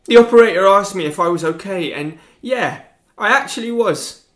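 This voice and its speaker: A young man playing a bitter teenage boy accused of killing his father, talking in a sullen, cold and detached way that flares into shouts. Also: high-pitched, moderate pace. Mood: agitated. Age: young adult. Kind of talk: stage drama acting.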